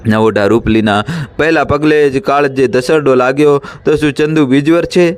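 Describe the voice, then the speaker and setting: Man narrating a story, steady pace. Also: mid-range voice, normal speed, smooth, no echo.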